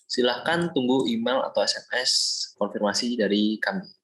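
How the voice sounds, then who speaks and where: A young man from Indonesia, a student, explaining a software project step by step in a screen-recorded walkthrough, often pausing with fillers. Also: mid-range voice, rough recording. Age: young adult. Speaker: student presenting a project demo.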